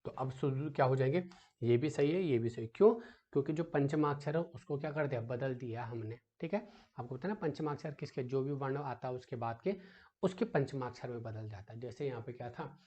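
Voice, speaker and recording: The audio is dull, but the man's warm, mid-range voice comes through at a fairly quick pace as he quizzes students for an exam. Patient in his explanations, he calls them "बेटा", keeps repeating "ठीक है", and checks back with rhetorical questions.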